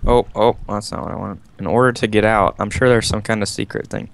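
A man's voice: lowish voice, fairly even intonation, fairly quick, creaky, clear, resonant tone. A man playing a game with friends, chatting casually and reading in-game text aloud dramatically. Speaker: game player. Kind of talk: casual gaming chat.

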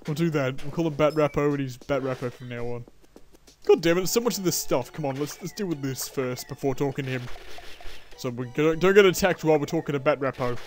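A young man giving casual gameplay commentary as a let's play host, chatty and self-mocking, with frequent laughs and excitable outbursts. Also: on the high side.

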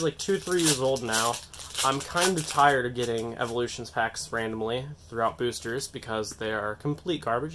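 A young man with a mid-range voice, nasal from a cold, hosts a casual unboxing vlog, opening trading card packs on a table indoors with his hands on camera. He's excitable and self-mocking, rambling as he goes.

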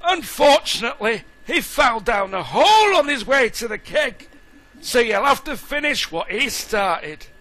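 A loud dwarf taskmaster for a cartoon video game, pitched very high and piercingly bright. He bosses and scolds his diggers in slow, hectoring instructions that swoop up and down. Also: big pitch swings, exaggerated voice. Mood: bossy instructing. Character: loud, bossy, ale-loving dwarf mine taskmaster. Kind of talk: cartoonish game tutorial acting.

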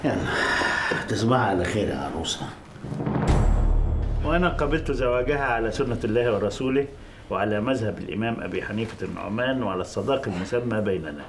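A sly, sweet-talking groom. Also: male voice, lowish voice, lively intonation, quick pace, over loud music. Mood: soothing. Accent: Egyptian Arabic. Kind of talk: film drama acting.

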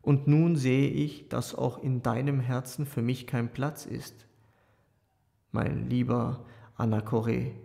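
A man's voice: mid-range voice, gravelly, dark tone, big-room sound. A man voicing a cool, sardonic young intellectual in an audiobook reading, wry and argumentative. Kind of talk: audiobook character voice.

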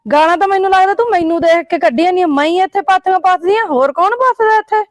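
A woman playing a very high, boastful village neighbour. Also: fast, dry recording, clean studio sound. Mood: defiant. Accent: Punjabi. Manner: boastful, defiant retorts.

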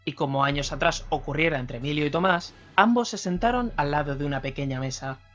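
A man narrating a scripted suspense story in a steady storytelling manner, in a slightly dull radio recording. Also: fairly high pitch, brisk, faint music behind.

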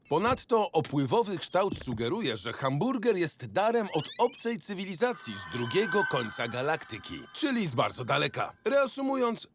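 Goofy high-voiced cartoon kid, mock-serious. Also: male voice. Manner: mock-lecturing, goofy, rapping. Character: goofy young male hero. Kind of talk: cartoon dub acting.

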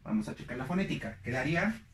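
A man's voice: mid-range voice, sing-song, fast talker, roomy sound. A young man teaching English pronunciation, repeating each word several times with stress. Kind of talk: slow, deliberate pronunciation lesson.

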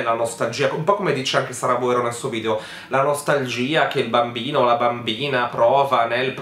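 A man giving casual spoken commentary as a video essayist, hesitant and filling pauses with many ums, in a critical tone. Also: mid-range voice, a bit bright, reverberant.

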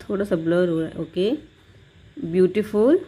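A woman teaching an English grammar lesson, explaining slowly and deliberately and switching between Hindi and English. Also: on the low side, dark tone, breathy edge.

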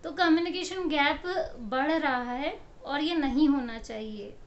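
This motivational speaker, high-pitched and measured, chats to camera about everyday situations, acting out what people said and laughing often. Her camera-mic recording has the highs cut off.

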